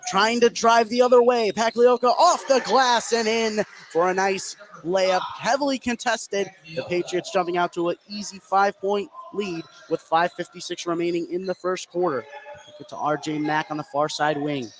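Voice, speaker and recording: A man with a high-pitched voice calls live basketball play-by-play for radio at a normal speed, his excitement rising on shots and steals as the action builds. Crowd noise fills the background, and the audio is poor.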